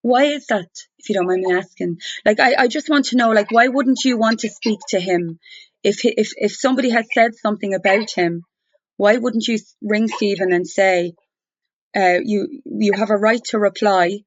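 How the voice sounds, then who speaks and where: A woman speaking over the phone, challenging someone in an insistent, deliberate, argumentative way. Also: medium pitch. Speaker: complainant challenging a journalist. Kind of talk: confrontational phone conversation. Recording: muffled, roomy recorded phone call.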